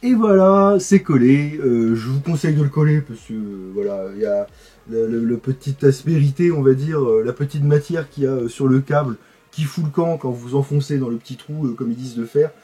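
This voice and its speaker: A man's voice: medium pitch, fairly quick, warm tone, soft background music. A man hosting a casual video, chatting as he assembles a model. He rambles with many fillers and repeated words. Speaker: host.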